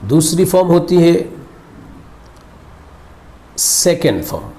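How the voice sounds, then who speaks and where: A man's voice: fairly high pitch, big pitch swings, slow pace, dark tone. A man teaching English verb forms, repeating each word several times in formal, Urdu-flavoured Hindi. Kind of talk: slow recorded vocabulary lesson.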